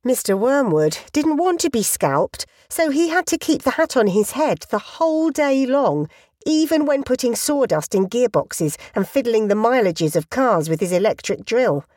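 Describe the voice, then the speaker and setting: A woman narrating a children's storybook aloud, expressive, slowing down for emphasis. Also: no echo, clean studio sound. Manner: expressive, sweeping pitch with slowed emphasis.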